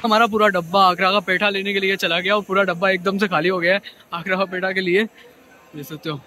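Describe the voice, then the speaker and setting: A man's voice: high voice, fairly even intonation, a little fast, sharp tone. Young man vlogging on a noisy train. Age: young adult. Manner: chatty, addresses viewers as guys. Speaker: travel vlogger. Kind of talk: casual travel vlog narration. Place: crowded train coach and station platforms. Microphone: handheld phone at arm's length.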